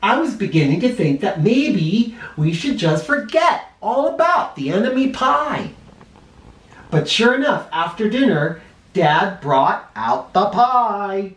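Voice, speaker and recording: This man's reading of a children's tale comes slowly, in a high, very lively voice with a slightly bright tone. He leans into dramatic emphasis, speaking as though young listeners sit before him. Echo fills the roomy recording, and the mic is somewhat distant.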